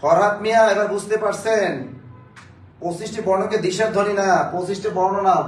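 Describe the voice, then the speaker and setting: A man teaching a live online Bangla grammar class, urging viewers to answer quickly and drilling facts through repeated questions. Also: high voice, fairly even intonation, faint music behind. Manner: urgent, coaxing viewers to answer fast. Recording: roomy, distant mic, faint background noise.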